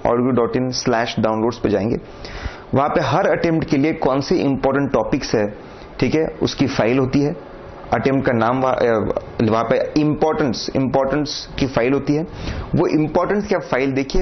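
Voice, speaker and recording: A man with an Indian accent giving an exam coaching lecture, talking directly and instructively and checking again and again that students follow. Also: mid-range voice. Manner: direct, repeats "correct?" and "theek hai", instructive. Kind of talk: lecture mixing Hindi and English. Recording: dull lo-fi sound with faint noise.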